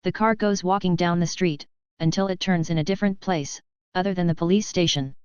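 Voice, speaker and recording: A woman narrating an adult fiction audiobook with an even, steady reading. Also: lowish voice, a little fast, clear, resonant tone, dry recording, highs cut off.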